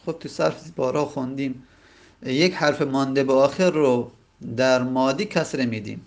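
A man with a Persian accent gives a grammar lecture in a mid-range voice with vocal fry. He works through each step and restates every point in different words.

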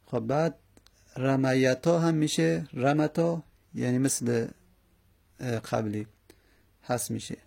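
A man gives a step-by-step grammar lesson and says each verb form several times. His voice is gravelly and sits in an ordinary middle pitch. He sounds patient and methodical. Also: pauses often, a little mellow. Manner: methodical, repeats word forms aloud. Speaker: teacher. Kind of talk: Arabic morphology lesson.

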